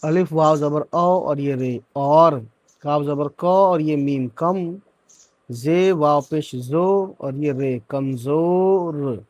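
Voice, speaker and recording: A man leads a beginners' reading lesson at a very slow, deliberate pace. His voice sits a little high for a man, and he spells each word sound by sound before blending it. The close recording is dry, with no room echo. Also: a little mellow. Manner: spells words out syllable by syllable, then joins them; checks in with "theek hai" and "hai na". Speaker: Urdu reading teacher.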